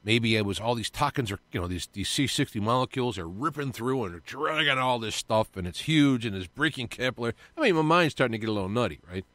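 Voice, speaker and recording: A man's voice: medium pitch, lively intonation, fast, few pauses, a bit bright, no room sound. A man hosting a live audio-only radio show, talking in a rambling, confiding way with many fillers and restarts.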